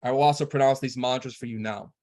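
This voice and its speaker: A man delivering a spiritual lecture in a measured, earnest instructional manner. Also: mid-range voice, fairly even intonation, darkish tone.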